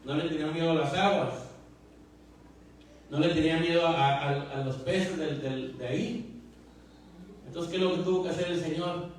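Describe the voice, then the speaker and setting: A man's voice: fairly high pitch, steady tone, moderate pace, long pauses, slight background noise. A man preaching a sermon as pastor, fervent and repetitive, full of fillers and questions to the congregation. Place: church hall. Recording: very echoey hall, mic far off.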